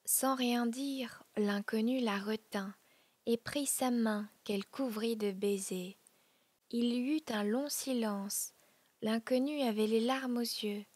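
Woman, soft ASMR audiobook reading, breathy, fairly high voice, very slow. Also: steady tone, no room sound. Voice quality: breathy, whispery. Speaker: audiobook narrator.

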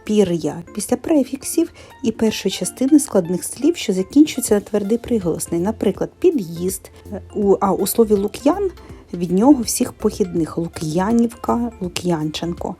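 A woman teaching in a methodical way, pronouncing sounds and syllables slowly and carefully. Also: medium pitch, animated, dark tone, faint music behind. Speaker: primary school teacher.

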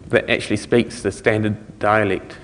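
A man speaks in a fairly low voice, presenting a technical talk. His delivery is informal and halting, with thoughts left trailing. The sound carries the reverb of a lecture hall. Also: level tone, a bit bright, slight background noise. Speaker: conference speaker. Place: conference lecture room, indoors.

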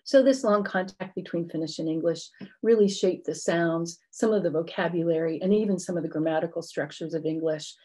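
A woman's voice: on the low side, brisk, mellow. A middle-aged woman giving an explanatory academic lecture with informal asides, speaking into a computer mic. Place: indoor book-lined room at home.

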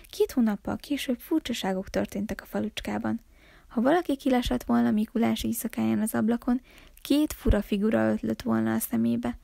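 A woman from a town library reading a children's Christmas story aloud in a calm, expressive way. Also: a little high, vocal fry, no echo, studio quality.

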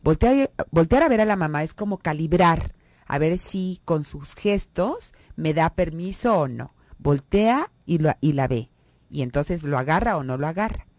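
A woman's voice: low voice, animated, moderate pace, a little mellow, no echo. A woman with a Mexican Spanish accent hosting a radio talk on family psychology, acting out quoted people in raised voices. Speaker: radio host and therapist.

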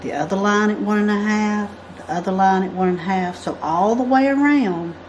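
An American craft instructor leads a pattern-drawing tutorial at an indoor work table, chatting through each step as she goes. Her voice sits in the mid range and is a little mellow, with slight background noise behind it.

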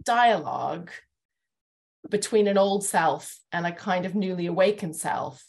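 A middle-aged woman hosts and interviews in a thoughtful video-call discussion from her living room at home, earnest and articulate as she searches for the right phrasing. She uses a wired earphone headset, and her lowish voice is a little slow and a little mellow.

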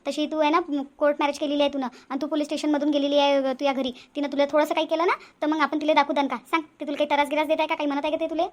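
A woman's voice: sits high, little pitch movement, rapid-fire, few pauses, close to an everyday voice. Woman doing a stern, worried village mother. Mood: worried questioning. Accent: Varhadi Marathi. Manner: pressing, stern questioning.

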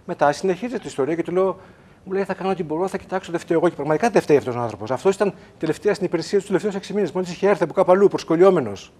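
Talk-show guest, a man with a slightly raised pitch, animated storyteller who quotes the other people in their own voices. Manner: acts out dialogue in quoted voices, emphatic. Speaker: guest telling his story. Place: TV studio.

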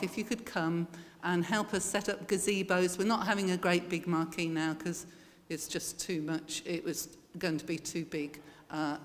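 Woman, lower voice, chatty informal church notices, long hall reverb. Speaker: church leader giving notices.

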